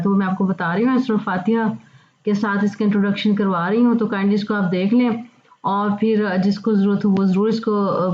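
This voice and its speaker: A woman's voice: medium pitch, a little mellow, lo-fi sound, a little hiss or hum. Patient woman teaching Quran pronunciation. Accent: Pakistani Urdu. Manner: patient, slow recitation of Arabic verses between explanations. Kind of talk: explaining Quran pronunciation to women viewers.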